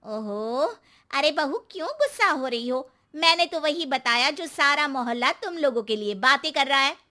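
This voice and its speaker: A woman's voice: high voice, expressive, normal speed, bright, forceful tone. A woman voicing a nosy gossiping auntie. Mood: gossipy. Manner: nosy, stirring up quarrels. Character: meddling gossipy middle-aged woman neighbor.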